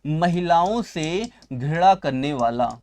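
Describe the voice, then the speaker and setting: A man's voice: on the high side, lively intonation, slow, darkish tone. A male teacher giving an exam-prep vocabulary lesson at a writing board. He asks questions and answers them himself, repeating key words, and addresses his students fondly. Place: at a writing board in a class video.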